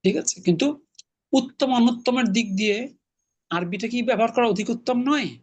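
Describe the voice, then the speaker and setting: Man, husky voice, teacher, patient explanations. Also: very high voice, normal speed. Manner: patient, explanatory, corrects pronunciation. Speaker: Arabic teacher. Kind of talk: online Quran Arabic class.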